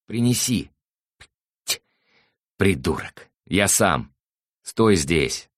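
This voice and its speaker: A man's voice: low-pitched, expressive, drawn-out words, no room sound, studio quality, voice pushed up, full character voice. A man reading an audiobook, voicing a coarse, bossy male thug who swears and barks orders. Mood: barking orders.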